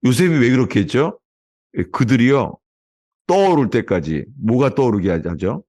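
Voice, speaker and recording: Male pastor, sermon; animated delivery, questions the congregation, dry recording. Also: mid-range voice, moderate pace, no echo. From South Korea. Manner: asks the congregation questions, acts out quoted lines.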